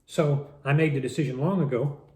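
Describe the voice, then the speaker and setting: Man, vlogger type, warm low-key voice, musing monologue while eating, echoey room. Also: fairly quick. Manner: musing, talks with mouth full, repeats words. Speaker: vlogger eating a meal on camera.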